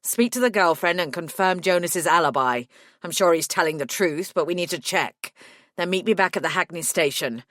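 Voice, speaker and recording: A woman voicing a gruff male detective chief inspector who talks curtly and bluntly. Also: lowish voice, expressive, moderate pace, a bit bright, no room sound, studio quality. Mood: brisk. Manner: curt and blunt.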